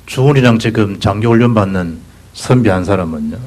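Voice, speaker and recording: A man with a Gyeongsang Korean accent preaching a sermon as pastor, swinging between loud bursts and hushed whispers. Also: on the low side, fairly quick, low-quality recording. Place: church sanctuary.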